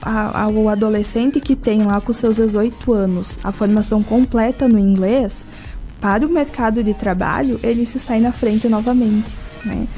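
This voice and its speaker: A woman's voice, a little high and dark, holds fairly even intonation at a moderate pace while faint music plays behind her. She is a language-school guest in a radio interview and speaks with a southern Brazilian accent. She explains didactically, often asking rhetorical questions and adding check tags.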